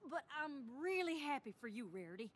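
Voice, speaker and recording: A woman's voice: sits high, big pitch swings, a little fast, no echo. An actress playing a down-to-earth, hardworking young woman in a cartoon, plain-spoken and firm, with music behind. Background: background music.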